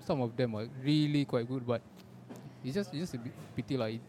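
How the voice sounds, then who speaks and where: A man's voice: medium pitch, fairly quick, warm tone. Singaporean man in casual, colloquial chat, noisy surroundings. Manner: colloquial, clipped grammar with Singlish particles. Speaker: podcast co-speaker on beat making. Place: out and about in a public place. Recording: noisy ambience of a public place.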